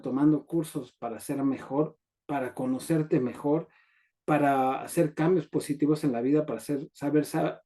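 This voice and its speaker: Mellow-voiced male coach. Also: a little high. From Mexico. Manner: conversational, tag questions, acts out the quoted people. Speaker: radio host and life coach. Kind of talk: storytelling talk.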